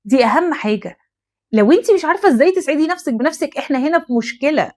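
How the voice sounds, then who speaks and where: A young Egyptian woman hosts an advice talk to camera, her high-pitched voice animated, very fast, and a little mellow. Speaking with an Egyptian Arabic accent, she addresses the listener earnestly and emphatically.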